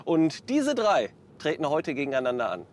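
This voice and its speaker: A man's voice: on the high side, wildly swooping pitch, moderate pace. A man presenting on location as a TV reporter, chatty and upbeat.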